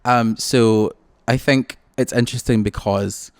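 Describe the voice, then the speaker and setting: A man's voice: medium pitch, fairly even intonation, a little slow, smooth, dry recording, clean studio sound. A Scottish man in his late twenties, co-hosting a podcast in casual, rambling, self-deprecating chat. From Scotland. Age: late 20s. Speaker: podcast co-host.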